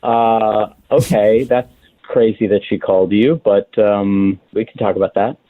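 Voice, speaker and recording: A fairly low-pitched young man comes through on speakerphone, his voice squeezed into a narrow, tinny phone band. He talks haltingly, stacking up fillers as he works out what to say. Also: steady tone. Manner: hesitant, halting with filler words. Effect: on speakerphone over a phone line. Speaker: radio prank call subject. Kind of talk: casual phone chat.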